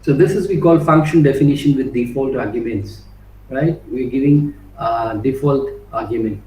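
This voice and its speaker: Typing live code during an online coding workshop, this instructor keeps saying "you know" and "right?", breaks off and repeats words, and spells out code strings slowly. He has a mid-range, dark voice. The mic is distant, leaving the sound roomy and off-mic with a faint hum of background noise.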